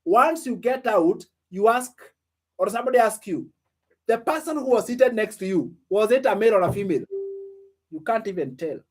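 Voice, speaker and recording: High-voiced young man coaching a group. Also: animated, normal speed, darkish tone, husky. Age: 20s. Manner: preachy, asks the audience questions, repeats phrases for emphasis. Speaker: online business coach. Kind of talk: motivational teaching.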